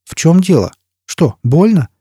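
A cold, vengeful man, as a male reader plays him, barking clipped orders in a husky, mellow voice. The sound is dry and close, with no reverb. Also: fairly high pitch, very animated, measured pace, voice pushed up, exaggerated voice. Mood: cold menace. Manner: harsh, clipped commands.

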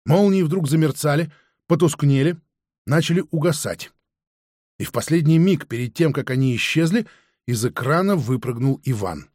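A man narrating a first-person audiobook in a steady storytelling manner. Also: on the high side, moderate pace, dry recording, clean studio sound.

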